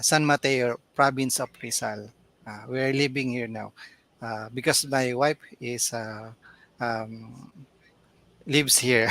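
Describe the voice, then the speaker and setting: A man from the Philippines, a guest in a live video interview, polite and soft-spoken, often saying the host's name. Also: medium pitch, creaky, no echo. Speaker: interview guest, accounting student. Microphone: remote video call.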